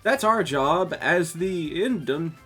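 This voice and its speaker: A man's voice: a little high, animated, slow pace, pushed and bright, slightly rough, faint music behind, pitched above the performer's own voice, exaggerated voice. A man voicing an overeager, worked-up young girl who leads a club, reading video game dialogue. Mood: eager.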